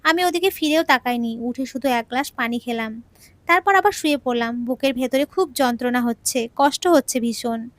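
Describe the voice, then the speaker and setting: A woman's voice: on the high side, moderate pace, no echo. A woman telling an emotional audio story in the first person, earnest and sorrowful, on a close mic.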